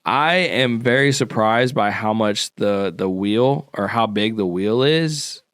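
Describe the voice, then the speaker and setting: A man's voice: fairly low pitch, slow pace, a bit bright, dry recording, studio quality. A man co-hosting a casual local podcast, laid-back and full of slang and fillers as he explains history. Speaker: podcast co-host.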